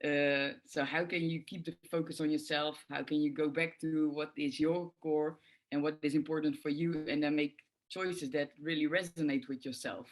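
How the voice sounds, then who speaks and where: A deep-voiced, middle-aged Dutch woman with a Dutch accent gives reflective interview answers as a guest discussing forgiveness work. Her intonation stays fairly even and her pace moderate, and she speaks thoughtfully, with many filler sounds.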